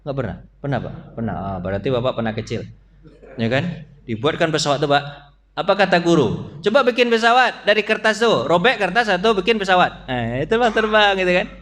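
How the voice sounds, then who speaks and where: A high-voiced man with an Indonesian accent and Malay-style colloquialisms delivers a dawn study sermon in a mosque hall, often asking the congregation quick questions and calling them "Pak." He acts out small sounds and voices, with lively intonation swinging between loud, lifted peaks and low, quiet asides. There's slight background noise.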